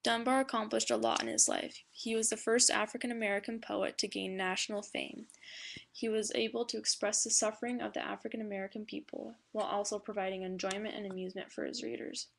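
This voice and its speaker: A woman's voice: medium pitch, steady tone, quick pace, creaky, fairly bright tone. A young woman reading a class presentation aloud from a script, with small slips and fillers. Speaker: student presenter.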